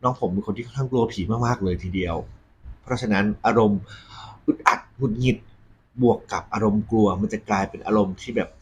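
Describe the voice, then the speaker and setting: A man hosting a ghost story segment, talking conversationally and politely to his audience with a husky voice. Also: lowish voice, fast talker, darkish tone, slight background noise, low-quality recording. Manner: polite, frequent Thai male polite particles.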